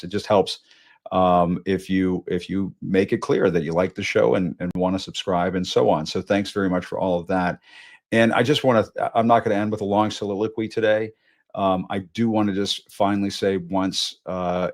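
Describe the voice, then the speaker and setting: A man in his fifties hosts a live political show. He talks in a slightly low voice, conversational but punchy, and curses now and then for emphasis. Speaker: host. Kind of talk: live news show sign-off. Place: Washington studio.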